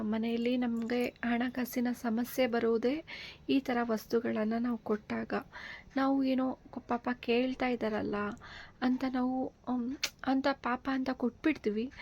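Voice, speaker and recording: A woman's voice: a little high, gravelly, darkish tone. A woman hosting a channel, giving casual household advice in a chatty way, with frequent fillers and checks for agreement.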